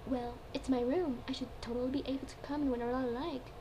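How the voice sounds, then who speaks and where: A woman's voice: high voice, fairly even intonation, quick pace, natural voice. A woman voicing a flippant, chatty young man in a fan fiction story, with an exaggerated breezy manner. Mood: breezy, indignant. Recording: clearly noisy home recording.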